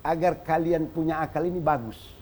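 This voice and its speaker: A man's voice: a little high, normal speed, a little mellow. A man from Indonesia, a religious scholar teaching on a TV talk show, explaining points and reciting Arabic verses in a chanting cadence.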